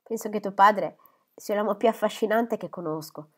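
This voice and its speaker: A woman voicing a lively, impulsive young woman in a storybook reading, eager and quick to brighten. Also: mid-range voice, slightly rough, close to an everyday voice.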